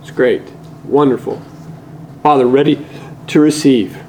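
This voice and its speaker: A man preaching a sermon in a church, earnest, slowing on key words and firing off rhetorical questions. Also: medium pitch, mellow, a little hiss or hum, rough recording. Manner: slows and stresses key words. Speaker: pastor.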